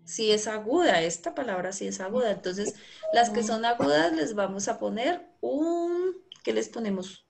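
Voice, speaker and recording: A woman teaching young children online. Her voice sits fairly high and has a gravelly edge. She asks patient, coaxing questions over a video call. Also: lively intonation, moderate pace, noisy background. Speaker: primary school teacher. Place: home, online video class.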